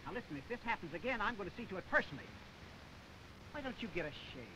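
A man's voice: sits high, very animated, very fast. An actor playing an eager, bashful young salesman being gallant, in 1930s film comedy style. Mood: indignant. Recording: noisy 1930 film soundtrack.

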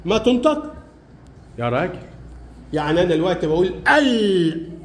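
A man's voice: high voice, big pitch swings, fast, darkish tone. A man with an Egyptian accent teaching a primary class, coaxing pupils with repeated questions. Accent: Egyptian Arabic. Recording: echoey classroom.

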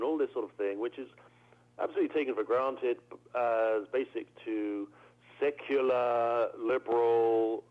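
A British man, a theologian, answering interview questions thoughtfully, often repeating words as he searches for phrasing. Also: lowish voice. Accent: British English. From England. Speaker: theologian guest. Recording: narrow phone-like audio.

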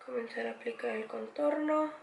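A woman's voice: on the high side, normal speed, vocal fry, roomy sound, noisy background. A pregnant young woman walks through a makeup tutorial, chatty and enthusiastic, repeating words for emphasis. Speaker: beauty vlogger.

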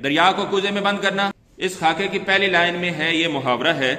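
A man's voice: sits high, normal speed, pushed and bright. A male Urdu teacher giving a classroom lecture, explaining step by step, repeating key terms and asking the class questions. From Pakistan. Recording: echoey room with long reverb.

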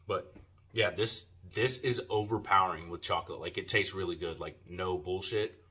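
A man's voice: sits low, moderate pace, bright, forceful tone. A man giving a casual, slangy, profane product review while talking with a lip full of dip. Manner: laid-back, slangy and profane. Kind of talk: casual video review chat.

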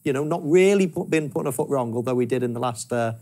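A man in his forties giving measured football analysis in a TV studio on a lapel mic. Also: medium pitch, warm tone. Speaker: football pundit. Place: large TV studio.

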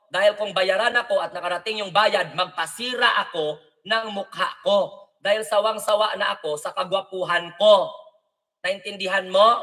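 A man's voice: sits high, bright, forceful tone, recorded from a distance. A man vlogging an angry, mocking rant with sarcastic insults and repeated rhetorical questions. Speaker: political commentary vlogger. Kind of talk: angry ranting reaction monologue.

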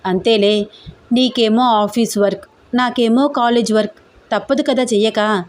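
A woman reading an audio story, voicing an affectionate young female college student who speaks softly and pleadingly. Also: a little high, steady tone, measured pace, close to an everyday voice.

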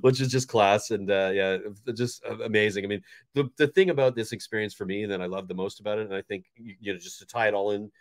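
Speaking quickly in a fairly low voice, this fan channel host in his forties chats eagerly about a match, rambling and restarting a lot. The casual post-match talk is recorded with no echo in a bright bedroom.

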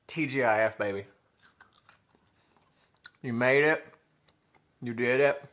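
This eating-show host is a Southern guy in his thirties who talks casually to his audience, addresses them as y'all, and chews between comments. His mid-range voice has a bright, forward tone, and he takes things slowly. He's filmed in a living room with a sofa and window blinds by a camera in front at table distance.

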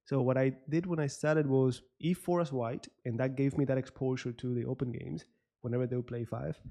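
A man's voice: medium pitch, fairly even intonation, brisk, vocal fry, mellow. A young man in his twenties with a Cuban Spanish accent, hosting a casual interview chat at a desk microphone. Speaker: chess coach hosting an interview. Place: small room at home, indoors. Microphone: desk microphone on a boom arm, video call.

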